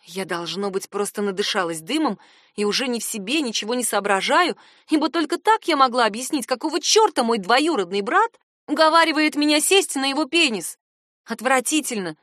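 A woman's voice: a little high, animated, fairly quick, fairly bright tone, no echo, studio quality. Sarcastic woman narrating a story. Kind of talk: scripted first-person story narration.

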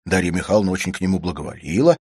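A male reader giving voice to a courteous young gentleman who speaks evenly and plainly, close to the reader's own lively voice. The recording is dry. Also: low-pitched, racing, slightly rough, dry recording.

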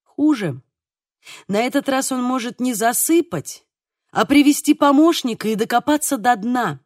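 A woman voicing a calm middle-aged man who speaks in a measured, sober way. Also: on the high side, no echo, clean studio sound. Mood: grave.

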